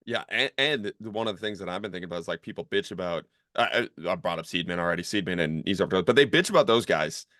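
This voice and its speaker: A young man hosts a casual podcast in a low voice, rambling with lots of fillers and swearing, and getting animated as he talks. His voice sits dry and close on the mic. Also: quick pace, hardly any pauses, dry recording. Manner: rambling, filler-heavy, profane, gets animated. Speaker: podcast host, former college strength coach.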